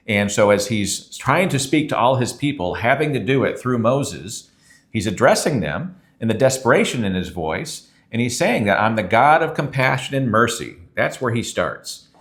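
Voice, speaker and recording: A man's voice: medium pitch, sing-song, normal speed. A man who is a pastor, teaching a sermon in an earnest, conversational way and reading scripture aloud.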